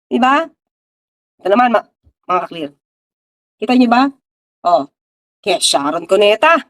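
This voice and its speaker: A woman's voice: mid-range voice, sing-song, a little slow, fairly bright tone. A woman giving casual political commentary, talking straight to her viewers with rhetorical questions and English mixed in. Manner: mixes English into her talk.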